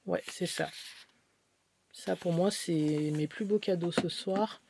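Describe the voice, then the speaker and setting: A woman's voice: on the low side, slow pace, creaky, mellow, a little hiss or hum. Chatty woman beauty vlogger. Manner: chatty, rambling, many hesitations. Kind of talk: casual haul video.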